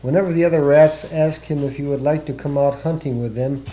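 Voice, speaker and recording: A man reading a children's story aloud in a steady, measured way. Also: a little high, poor audio.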